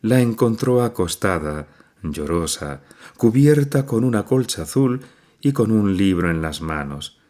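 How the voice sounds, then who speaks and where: Low-voiced, expressive male audiobook narrator. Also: measured pace. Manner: expressive, dramatic reading.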